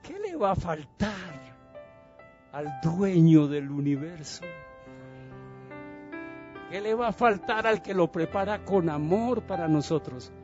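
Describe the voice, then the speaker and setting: A male pastor preaching a sermon in a church, animated and dramatic, getting the congregation to repeat phrases and asking them questions. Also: high-pitched, slow pace, long pauses, highs cut off, music in the background.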